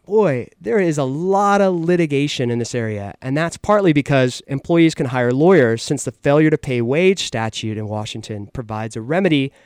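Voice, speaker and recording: A man's voice: medium pitch, darkish tone, smooth, no echo. Dry-sounding male radio legal host. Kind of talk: explanatory radio talk.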